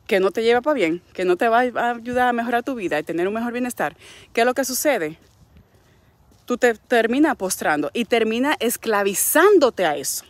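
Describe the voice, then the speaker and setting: Frank Dominican woman coaching with faith. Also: mid-range voice. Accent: Dominican Spanish. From Dominican Republic. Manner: frank, exhorting, preachy. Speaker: wellness coach. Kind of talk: faith-based motivational talk.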